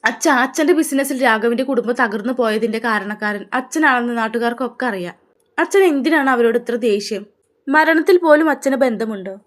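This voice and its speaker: A woman's voice: a little high, a little fast, natural voice. A woman voicing a frightened but brave young daughter in a narrated story, speaking in an earnest, pleading way.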